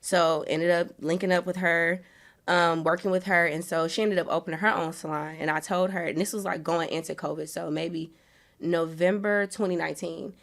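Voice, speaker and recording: A young woman chats as a podcast guest, her low voice gravelly with vocal fry. She tells her story in a relaxed, rambling way, full of fillers. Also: normal speed. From south side of Atlanta. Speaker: guest, hair braider. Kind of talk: casual chat.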